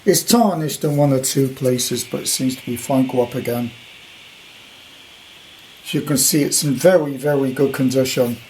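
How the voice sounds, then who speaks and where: A man presents a vintage radio he bought, giving a casual, rambling, hands-on collector's showcase peppered with jokey wordplay. He talks at a normal speed with a medium pitch and a darkish tone, in a clearly noisy recording made in a room at home.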